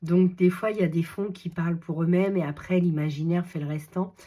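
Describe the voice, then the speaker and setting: A middle-aged woman hosting a craft channel, chatting casually and enthusiastically with many fillers, her voice slightly hoarse. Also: on the low side, fairly even intonation, brisk, dark tone. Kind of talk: casual chat showing books.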